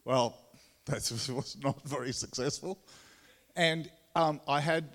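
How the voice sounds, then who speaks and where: A man with a Tasmanian Australian accent gives an informal sermon as a visiting preacher, halting and conversational, often repeating his words. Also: medium pitch, fairly bright tone. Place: large room or hall, speaking to a congregation. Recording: echoey hall with long reverb.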